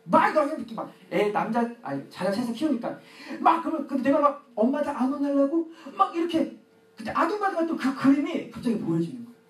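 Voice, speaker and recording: A man's voice: very high-pitched, very animated, fast. A middle-aged man preaching a sermon as pastor, acting out his own prayers and quarrels. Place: church sanctuary. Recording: echoey church hall, mic at a distance.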